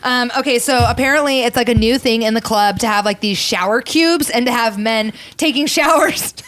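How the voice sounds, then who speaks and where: A woman with a slightly high voice hosts a chatty podcast. She giggles and says "like" and "um" as she rambles through odd news stories in a relaxed way. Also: moderate pace. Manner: chatty, giggly, full of filler words. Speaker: podcast host. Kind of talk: casual podcast chat. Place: podcast studio.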